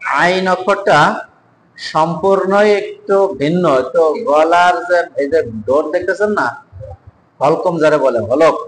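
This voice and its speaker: A man teaching an evening Quran reading class, patiently drilling each letter slowly and calling on students to repeat after him. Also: on the high side, slight background noise, poor audio.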